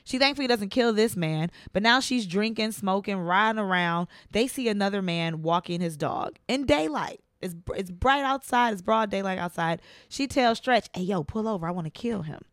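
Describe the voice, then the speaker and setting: A woman co-hosting a true crime podcast in casual chat, animated and slangy, acting out quotes. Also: mid-range voice, moderate pace, hardly any pauses, dry recording, clean studio sound. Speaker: podcast co-host.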